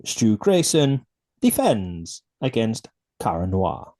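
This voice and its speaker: A man putting on a posh voice as a slow, grand ring announcer. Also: mid-range voice, wildly swooping pitch, a little mellow, dry recording, heavily acted. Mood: grandiose.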